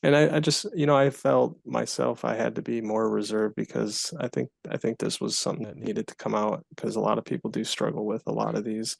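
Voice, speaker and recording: Guy with a really gravelly voice, earnest and a bit halting, dry close mic. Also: on the low side, steady tone, no room sound. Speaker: podcast co-host. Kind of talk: casual podcast chat.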